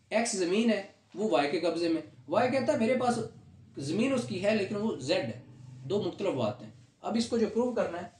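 Standing at a whiteboard in a small indoor room, a Pakistani-accented man delivers a classroom law lecture full of questions and explanations, working through it step by step, repeating key points and dropping in English legal terms. His voice is high and a little mellow. The recording, from a camera a few steps off, sounds roomy and echoey.

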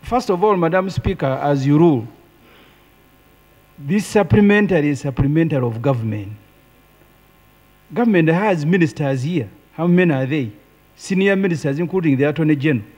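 A middle-aged man with a Ugandan accent, an opposition member of parliament, argues a point of procedure in a pointed, argumentative parliamentary debate. His voice sits on the high side with a darkish tone, lively intonation and a moderate pace, and he pauses often. A desk microphone picks him up in a large chamber with long reverb.

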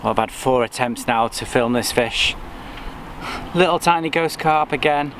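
A man's voice: mid-range voice, normal speed, a bit bright. A man giving casual vlog commentary outdoors on his own fishing catches. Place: outdoors on a lakeside bank. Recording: noisy outdoor camera recording.

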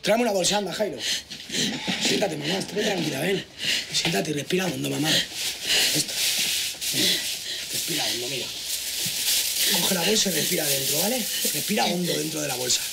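An actor playing a bossy, protective, sarcastic elder brother in a TV drama, with a Spanish accent from Spain. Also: male voice, on the high side, quick pace, gravelly, very noisy. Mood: urgent, soothing. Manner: sarcastic, commanding. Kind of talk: naturalistic TV drama acting.

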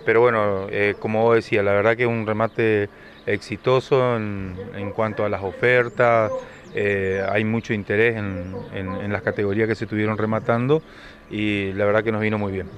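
Low-voiced middle-aged Argentine man. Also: flat delivery, normal speed. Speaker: rancher interviewee. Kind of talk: interview answer. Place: outdoors on grass by parked vehicles. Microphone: handheld interview microphone. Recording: dull field sound, crowd behind.

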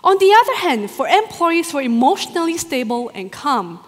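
A woman doctoral researcher giving a rehearsed competition talk to a live audience in a large hall, expressive and full of rhetorical questions. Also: sits high, moderate pace. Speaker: doctoral researcher presenting her thesis. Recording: long hall reverb.

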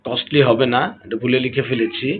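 A man teaching an English grammar lesson, slow and patient, drawing out each example word and repeating a set phrase after each point. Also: mid-range voice, little pitch movement, slight background noise. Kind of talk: grammar lesson explaining notes. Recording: tinny phone-like sound.

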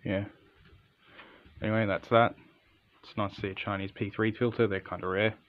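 A man's voice: on the low side, flat delivery, normal speed, dull audio. A man giving a casual, unscripted hands-on product review in an understated, matter-of-fact way.

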